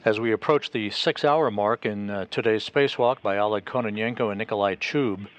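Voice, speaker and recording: A man giving live spacewalk commentary as a mission control announcer, in a halting, measured official delivery. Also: fairly low pitch. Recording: noisy mission control broadcast feed.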